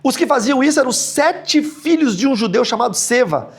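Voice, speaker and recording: A man, a pastor teaching a Bible study in a joking, animated way that often jumps into high mocking tones. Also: normal speed, creaky.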